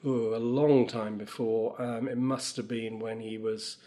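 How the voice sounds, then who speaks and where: Answering an interviewer thoughtfully and using many fillers, a middle-aged Welsh guest who is a professor and former politician speaks unhurriedly. His voice is medium-pitched with a level, dark tone.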